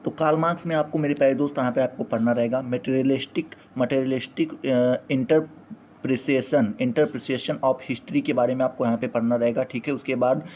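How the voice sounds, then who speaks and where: A man teaches a syllabus walkthrough lesson, going through the course point by point, often stumbling and restarting on English terms and repeating the same stock phrases. His voice is medium-pitched, steady, darkish, at normal speed, in slightly dull lo-fi audio with a little hiss or hum.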